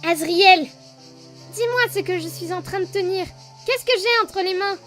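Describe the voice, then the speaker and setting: A woman's voice: extremely high pitch, unhurried, fairly bright tone. A woman voicing a determined human child in a fan dub of a game. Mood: firm. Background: music.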